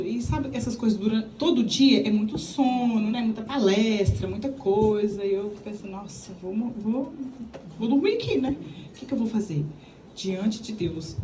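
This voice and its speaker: Woman, Minas Gerais accent, lively testimony storytelling, mellow tone, echoey distant recording. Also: a little high, slight background noise. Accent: Minas Gerais Brazilian Portuguese. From Minas Gerais, Brazil. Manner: animated storytelling, acting out dialogue, chatty asides. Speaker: speaker giving a church testimony. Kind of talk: personal testimony to a live audience.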